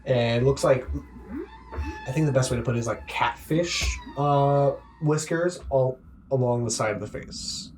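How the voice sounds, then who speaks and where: A man acting as game master, narrating a tabletop game in a measured, descriptive way. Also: mid-range voice, a little mellow, a little hiss or hum.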